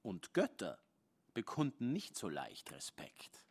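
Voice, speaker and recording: A man reading a translated story aloud at a live literary event, keeping the rhythm restrained and measured. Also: on the low side, wildly swooping pitch, breathy edge. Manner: restrained, measured reading with rising intensity in dialogue.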